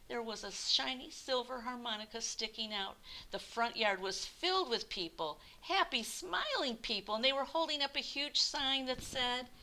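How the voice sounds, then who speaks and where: Speaking a little high, a woman of at least sixty narrates a story for young children with lively, gentle expression. It's a rough recording marked by hissy noise.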